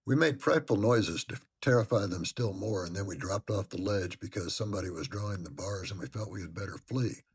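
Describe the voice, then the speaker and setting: Husky-voiced man reading a classic novel. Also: low-pitched, fairly quick, hardly any pauses. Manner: expressive first-person narration. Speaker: audiobook reader.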